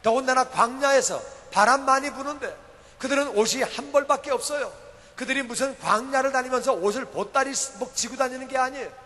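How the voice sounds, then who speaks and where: Male pastor, sermon, high voice, repetitive storytelling, rhetorical questions, long church reverb. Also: a little fast, bright, forceful tone. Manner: storytelling preacher, repeats phrases, rhetorical questions. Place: church sanctuary.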